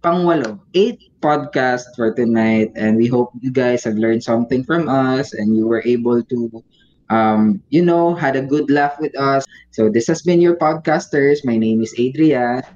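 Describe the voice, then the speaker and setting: A man with a Visayan accent hosting a casual podcast chat, chatty and quick to laugh, mixing English into his talk. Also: mid-range voice, a little mellow, highs cut off. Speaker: podcast host.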